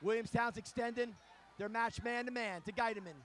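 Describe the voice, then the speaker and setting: A man calling live high school basketball play-by-play in a gym, in brisk, clipped calls that rise to shouts. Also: fairly even intonation. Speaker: play-by-play announcer. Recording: crowd noise and hiss behind.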